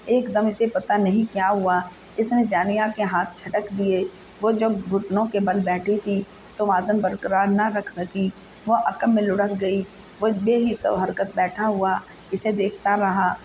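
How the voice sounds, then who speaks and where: A woman narrating a serialized novel in a steady, even reading voice. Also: mid-range voice, a little hiss or hum, poor audio. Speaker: storyteller.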